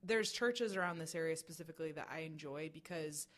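A woman's voice: sits low, a little fast, fairly bright tone. A woman in her twenties co-hosting a podcast, talking casually and hedging with "like" and "you know". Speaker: podcast co-host. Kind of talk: casual chat.

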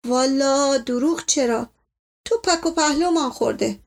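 A woman's voice: sits high, creaky, a bit bright. A woman voicing a groaning old servant man. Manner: moaning, self-pitying, rustic speech.

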